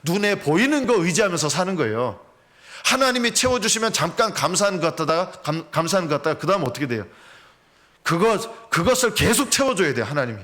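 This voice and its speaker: A man's voice: sits high, big pitch swings, fast, pushed and bright. A man preaching a sermon as pastor. He asks rhetorical questions and acts out quotes. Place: church sanctuary.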